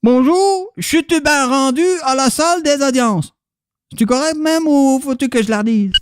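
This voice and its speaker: A man's voice: extremely high pitch, normal speed, a little hiss or hum. A man voicing a blunt, impatient male explorer with a Québécois accent in a comedic radio play. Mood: polite.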